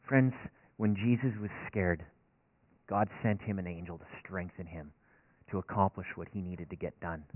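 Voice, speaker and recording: A man's voice: low-pitched, fairly even intonation, normal speed, dry recording. A man, a racetrack chaplain telling an earnest, folksy, self-deprecating story as a sermon. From northern Alberta. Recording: dry, tinny phone-like sound.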